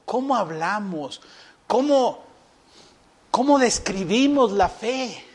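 A man preaching a sermon to his congregation, animated and full of repeated rhetorical questions. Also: high voice, slow, breathy edge. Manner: animated, with mocking impressions of gloomy churchgoers.

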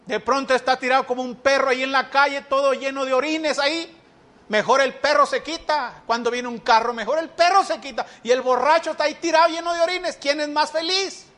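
Male preacher, very high voice, sermon delivery full of rhetorical questions and acted-out quotes. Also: a little fast, pushed and bright. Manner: acts out quoted speakers.

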